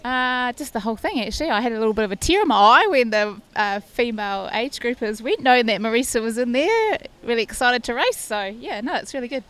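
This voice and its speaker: Female Kiwi spectator, clear bright tone, mid pitch, informal interview answers. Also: animated, fast talker, hardly any pauses. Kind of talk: casual interview. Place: outdoors at a triathlon.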